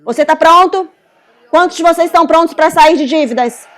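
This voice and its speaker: A woman interpreting a preacher's sermon, with fervent, repeated shouted exhortations. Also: extremely high pitch, brisk, a faint crowd. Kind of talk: live interpretation of a fiery sermon.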